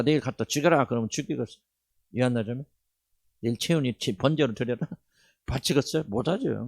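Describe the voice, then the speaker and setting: A middle-aged man preaches with a Jeolla accent, his voice gravelly and mid-pitched. He swings between loud bursts and hushed asides. The sound is dry and close. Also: no echo. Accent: Jeolla dialect. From Jeolla, South Korea. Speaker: pastor. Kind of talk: sermon.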